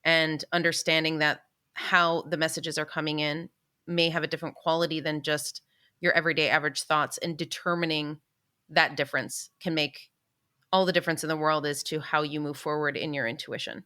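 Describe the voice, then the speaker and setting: A woman's voice: deep voice, little pitch movement, fairly quick, pushed and bright, smooth. A woman guest, a spiritual teacher, explaining her workshop in a conversational way.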